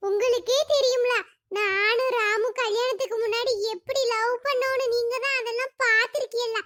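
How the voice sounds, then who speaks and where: A voice actor playing a sulky, dramatic young village wife in a cartoon, with a squeaky sped-up voice. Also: steady tone, normal speed, pushed and bright. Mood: complaining. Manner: whiny, complaining. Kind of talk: cartoon voice acting.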